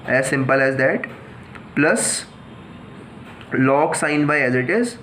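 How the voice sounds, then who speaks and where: A man's voice: fairly high pitch, fairly bright tone, slight background noise. A man teaching a math lesson, explaining step by step and mixing Hindi with English, often asking a question and then answering it himself. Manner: addresses students as children, asks and answers his own questions.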